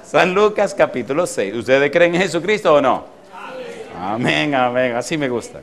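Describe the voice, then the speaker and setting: A man preaching a sermon in a church, animated and bantering with his congregation through rhetorical questions. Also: a little high, normal speed. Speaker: pastor. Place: church hall before a congregation.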